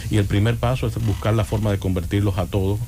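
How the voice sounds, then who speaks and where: A man's voice: lowish voice, fairly even intonation, quick pace, over music. A man from the Republic, a radio interview guest who explains his points through examples. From Dominican Republic. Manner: explanatory, builds arguments with examples. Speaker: guest analyst.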